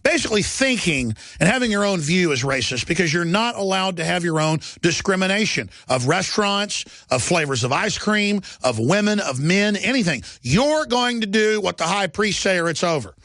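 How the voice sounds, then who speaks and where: A man's voice: animated, moderate pace, hardly any pauses, fairly bright tone, no echo. A man hosting a talk radio show, ranting in a heated monologue and turning sarcastic, his voice jumping up when he mocks. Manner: ranting, sarcastic, voice jumps high when mocking.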